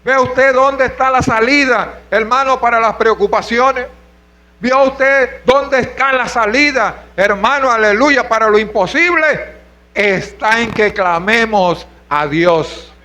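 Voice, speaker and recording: A man's voice: extremely high pitch, takes it slowly, sharp tone, poor audio. A man from Venezuela preaching a sermon as pastor, asking rhetorical questions and calling out to the congregation. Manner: preaching with rhetorical questions, calls of hermano and aleluya.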